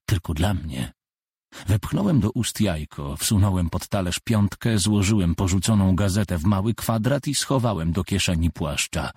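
A man reading a first-person audiobook in a measured, deadpan way. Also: deep voice, husky, no room sound, studio quality.

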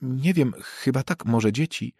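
A nervous, flustered middle-aged housewife, as a man puts her on, her voice pitched up well above his own. She stumbles along hesitantly, and the audiobook recording is dry and close, with no room around it. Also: measured pace, gravelly, a little mellow, slightly rough, no echo.

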